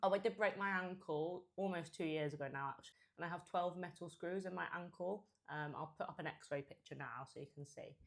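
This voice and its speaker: Young woman, low register. Informal mukbang chat, talking between and through mouthfuls, chewing. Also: brisk, vocal fry, hardly any pauses. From Hampshire, England and Japan. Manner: chewing and eating while talking, mouth sometimes full; chatty, informal. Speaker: food content creator. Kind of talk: casual mukbang chat to followers.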